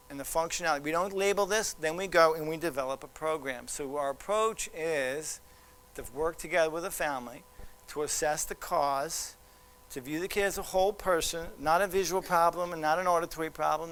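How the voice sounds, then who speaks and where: A man giving a presentation to parents, animated and teasing, acting out what others might say. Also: on the high side, smooth. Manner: animated, teasing, acts out quoted voices. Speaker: child development specialist.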